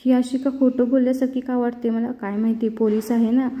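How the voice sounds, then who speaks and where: A woman's voice: on the high side, flat delivery, a little fast, mellow, lightly acted. A woman voicing a suspicious young woman musing to herself, heard with long reverb. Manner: musing, doubtful.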